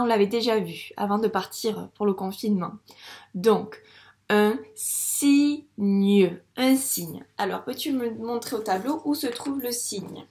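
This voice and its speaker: Teacher lady, fairly high voice, talks real slow and patient to little kids, echoey room. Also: a little mellow. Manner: patient, encouraging, spells out sounds slowly. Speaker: primary school teacher. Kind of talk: slow, patient reading lesson for young children. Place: classroom with a board.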